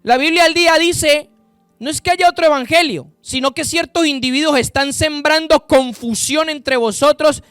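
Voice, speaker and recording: A man preaching a sermon, reading Bible verses slowly and with emphasis, and addressing the listeners directly. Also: fairly bright tone, no room sound, soft background music. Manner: slow, emphatic scripture reading with sudden pitch rises and drops.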